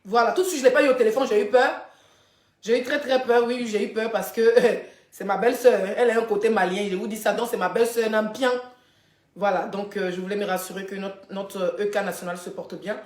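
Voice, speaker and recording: A woman, hosting a casual live stream and telling gossip straight to her viewers in a chatty, animated way. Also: mid-range voice, a little fast, echoey room. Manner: chatty, animated storytelling, addressing viewers directly.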